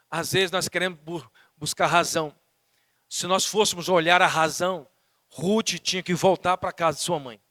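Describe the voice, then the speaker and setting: A man with a Brazilian Portuguese accent preaching a sermon as pastor, fervent and swinging between soft talk and shouting. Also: on the high side, dry recording.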